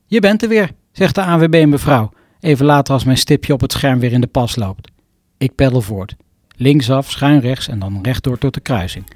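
A man from the Arnhem area of the Netherlands, a rehabilitation doctor, reading his own scripted first-person story in a reflective, poetic, measured way. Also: mid-range voice, darkish tone, dry recording, studio quality.

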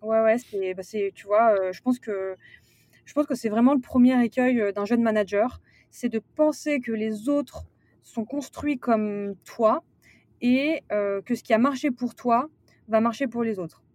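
A woman's voice: fairly high pitch, measured pace, darkish tone, dry recording. A woman talking as a podcast guest about management, speaking casually with many fillers and restarts. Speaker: guest, sales director turned manager. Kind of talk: casual interview conversation.

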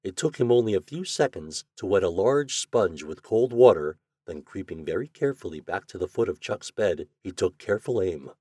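Expressive man reading a storybook. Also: low-pitched, normal speed, hardly any pauses, breathy edge, no echo, clean studio sound. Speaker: story reader.

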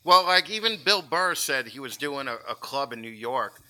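Man, casual podcast chat, blunt profane rants, bright tense tone. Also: medium pitch, lively intonation, normal speed, rough recording. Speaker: podcast guest.

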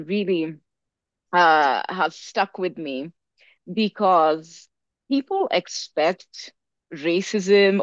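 A young African woman with a fairly low voice appears as a podcast guest, telling a story in casual conversation. She's animated, using many fillers and restarting sentences often. The recording is dry and dull.

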